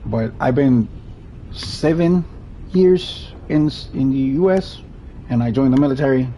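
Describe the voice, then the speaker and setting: The audio is poor, with slight background noise, as a young streamer from Puerto Rico talks a little slowly in a warm, mid-range voice. He's a native Spanish speaker with a Puerto Rican accent, easygoing and rambling through his gameplay commentary, restarting sentences often.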